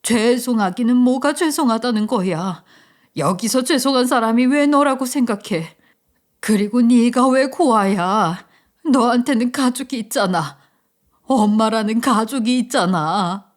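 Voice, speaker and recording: A woman voicing a wealthy middle-aged mother, emotional and pleading, with loud, slow, sobbing lines. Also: fairly high pitch, natural voice. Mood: anguished.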